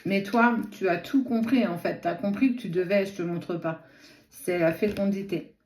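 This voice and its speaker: A woman's voice: mid-range voice, moderate pace, darkish tone. A woman with a lisp, her s sounds slushy like sh, giving a spontaneous tarot reading and speaking directly to the listener with frequent asides. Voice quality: lisp with slushy sh-like s from a swollen tongue. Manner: direct second-person address, frequent asides. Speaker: tarot card reader and host. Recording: echoey room.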